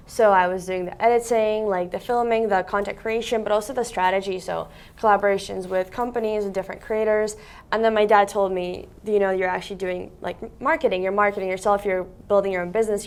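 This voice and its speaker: A young woman from Russia talks casually as an interview guest. Her speech is chatty and loose, full of "like" and "um." She sits at a table in an office meeting room. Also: mid-range voice. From Siberia, Russia. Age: young adult. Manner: chatty, lots of "like" fillers. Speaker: guest, content creator.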